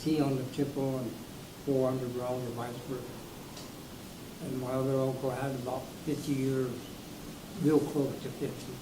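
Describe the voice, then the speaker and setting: A man in his seventies from New Mexico, recalling his family's mining past in a halting way with many restarts. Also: mid-range voice, flat delivery. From Raton, New Mexico, US. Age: 70s. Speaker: interviewee. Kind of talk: casual recollection. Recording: echoey room with background noise.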